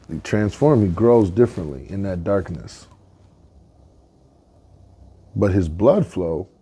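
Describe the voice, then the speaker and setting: A man, a guest entrepreneur, telling fables in a casual, animated way with slang and reflective asides. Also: deep voice. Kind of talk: casual storytelling.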